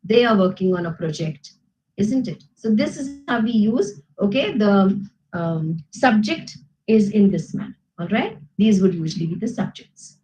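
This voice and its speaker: A woman's voice: mid-range voice, animated, normal speed, mellow, a little hiss or hum, rough recording. A woman with an Indian English accent, teaching a grammar class and checking understanding with frequent "okay?" and "isn't it?". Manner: explains patiently, asks "okay?" and "isn't it?" often.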